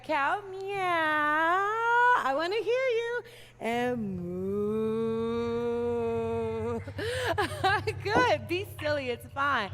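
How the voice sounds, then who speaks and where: A woman's voice: high voice, fairly bright tone, slight background noise. A young woman leading a kids yoga class in a playful, upbeat way, laughing often. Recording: long hall reverb.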